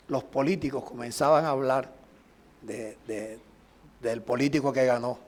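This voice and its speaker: A Colombian pastor in middle age, with a mid-range voice, preaches a sermon full of emphatic, drawn-out phrases and prayers.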